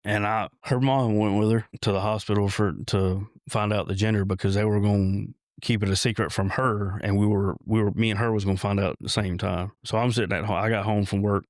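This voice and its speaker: Guy on a podcast, kinda low voice, stops and restarts a lot, dry close sound. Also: flat delivery, dry recording. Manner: halting, with many restarts and fillers. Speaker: podcast guest. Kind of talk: personal storytelling in an interview.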